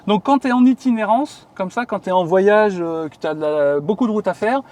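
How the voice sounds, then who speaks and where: A chatty man explains things to a colleague in an easygoing, filler-heavy way. His voice sits high for a man. He is recorded outdoors beside a car. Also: normal speed, darkish tone. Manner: chatty, many fillers, asks viewers questions. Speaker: channel host explaining electric cars. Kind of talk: casual explanatory chat.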